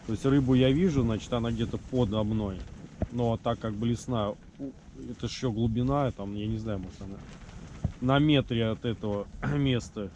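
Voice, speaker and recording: A man's voice: mid-range voice, dark tone. Grumbling man vlogging outdoors, wind on mic. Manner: colloquial, grumbling, with mild slang curses. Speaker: host of an ice-fishing vlog. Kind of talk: casual vlog chat to camera while fishing. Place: windy frozen outdoors, in and around a fishing tent. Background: wind and outdoor noise.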